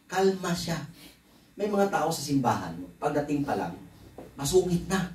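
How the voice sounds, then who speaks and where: A male pastor delivers a sermon in a loose, joking, conversational way, often turning to the congregation with asides. His pitch rises and falls a lot as he preaches. The voice sits back from the mic and rings around a roomy church hall. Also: sing-song, a little slow, darkish tone, far from the mic. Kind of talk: conference sermon.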